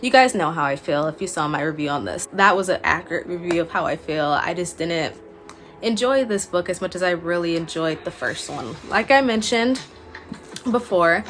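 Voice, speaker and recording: Her voice is fairly low and a bit bright, with lively intonation and a moderate pace. In her twenties, she talks informally and with emphasis to the camera in the style of a book vlogger, sitting in a small furnished room at home as music plays in the background.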